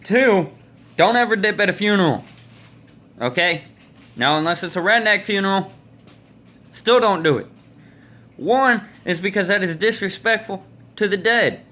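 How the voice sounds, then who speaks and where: In a small indoor room, an American man in his twenties rambles through stories to a phone held at arm's length, folksy and opinionated. His voice sits high, bright and forceful, animated at a normal speed with long pauses.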